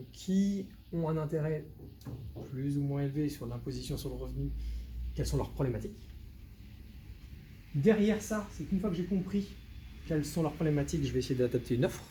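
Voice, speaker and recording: Giving a meetup talk to a live audience, a web consultant speaks with a voice on the higher side for a man but a very dark, mellow tone. He addresses the room directly and with energy, slipping in dry asides. A faint hiss lies beneath his voice.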